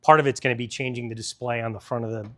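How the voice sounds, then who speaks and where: A man's voice: mid-range voice, steady tone, racing, bright, forceful tone. A man presenting a product in a store demo, talking casually and explaining technical details to a crowd.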